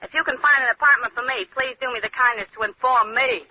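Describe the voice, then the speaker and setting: A woman's voice: high voice, steady tone, fast talker, lightly acted. An actress playing a woman in a mystery drama, in old-time radio acting style. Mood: flippant, bored. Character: women in a radio mystery: flip clerk, troubled lady. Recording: muffled, noisy old radio broadcast.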